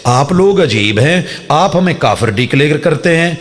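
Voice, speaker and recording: Man, middle-aged, fiery sermon, fairly high voice, dramatic swings to loud emphatic peaks. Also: lively intonation. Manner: dramatic, mimics opponents' pleading then rises to loud emphatic peaks. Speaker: preacher. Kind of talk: fiery religious speech.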